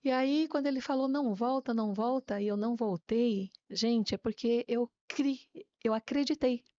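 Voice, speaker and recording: A woman pastor telling her personal faith testimony as a guest, a lively storyteller who often ends phrases with a tag question. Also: fairly high pitch, moderate pace, no echo, muffled recording.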